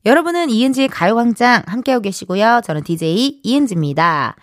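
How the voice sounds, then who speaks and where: A young woman radio host chats bubbly and playful in a studio, acting out voices as she reads listener messages. Her fairly high voice has lively intonation and a brisk pace, recorded dry through a studio mic with faint music behind.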